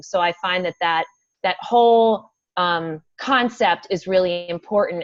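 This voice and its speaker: A woman's voice: lowish voice, no room sound, dull audio. A woman, a special education teacher, chatting as a podcast guest and acting out the things she says to children in class. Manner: animated, acts out classroom phrases. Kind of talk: casual interview chat.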